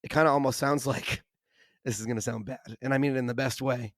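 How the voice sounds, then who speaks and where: A hoarse man with laryngitis, co-hosting a podcast in casual, enthusiastic chat full of "like" and "kinda". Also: mid-range voice, fairly even intonation, fast talker, fairly bright tone, no room sound, clean studio sound. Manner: enthusiastic, uses lots of "like" and "kinda". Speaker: podcast co-host.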